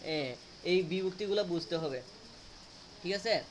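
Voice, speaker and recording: A man's voice: high-pitched, measured pace, slight background noise. A man teaching a grammar lesson, asking students questions and repeating answers to drill them.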